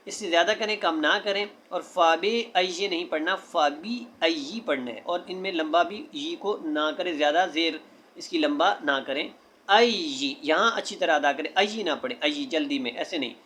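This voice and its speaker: A Quran teacher giving a tajweed lesson, spelling out sounds letter by letter and chanting the verses slowly and melodically. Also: mid-range voice, bright, forceful tone, slight background noise.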